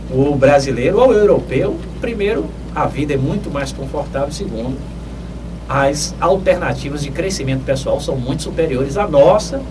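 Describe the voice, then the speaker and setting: Man, lecturing radio host. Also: on the high side. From Northeast Brazil. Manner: measured, lecturing, with emphatic rises. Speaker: radio host answering listener questions. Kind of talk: advice talk on radio. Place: small dark radio studio. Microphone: studio mic on boom, heard from a distance. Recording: distant mic with clear background noise.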